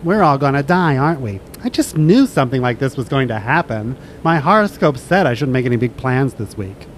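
A man's voice: medium pitch, animated, a little fast, a little hiss or hum, natural voice. A man playing an anxious, superstitious gang member in a comedy drama, whiny and stammering. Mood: fretful. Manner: stammering, fretful.

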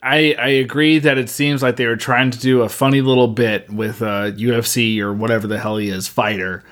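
A man's voice: medium pitch, steady tone, a little fast, a bit bright. A man co-hosting a podcast in casual chat, rambling with many fillers and restarts. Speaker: podcast co-host.

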